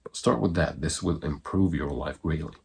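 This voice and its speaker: A man coaching viewers through an exercise in an informal, halting way, in short phrases. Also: rumbling low, vocal fry, slightly rough. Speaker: breathwork coach giving online guidance. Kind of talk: instructional talk to viewers.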